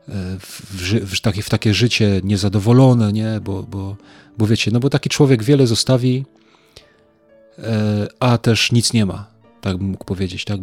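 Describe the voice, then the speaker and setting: A man's voice: on the low side, darkish tone. A man preaching an informal sermon, talking conversationally with many fillers, repeated words and tag questions to the listeners.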